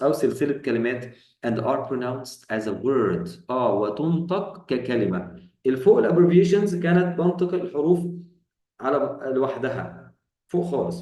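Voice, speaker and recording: A man's voice: mid-range voice, darkish tone, echoey room, distant mic, poor audio. A man with an Egyptian Arabic accent teaching English vocabulary, explaining each term in colloquial Arabic and asking his students questions. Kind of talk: vocabulary lesson.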